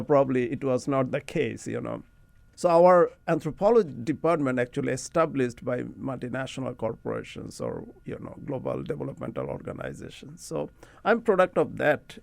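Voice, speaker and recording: Gravelly middle-aged Bangladeshi man. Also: mid-range voice, fairly quick, dry recording. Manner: relaxed, rambling storyteller who laughs often. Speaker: guest academic. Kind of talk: casual interview talk. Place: radio studio.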